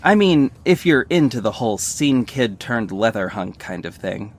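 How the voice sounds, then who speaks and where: Over background music, a man voices a young superhero recounting his mission in first person, descriptive and dryly wry. His pitch is medium, his delivery sing-song, and his pace moderate.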